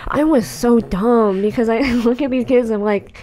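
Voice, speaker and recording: A woman's voice: fairly high pitch, normal speed, dark tone. Woman in her twenties rambling casually. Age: 20s. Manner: rambling, filler-heavy. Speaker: podcast co-host. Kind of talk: casual chat.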